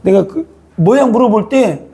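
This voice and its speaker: High, gravelly male pastor preaching. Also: expressive, moderate pace, dark tone. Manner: colloquial, prods listeners with repeated "eh?". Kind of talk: sermon. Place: church.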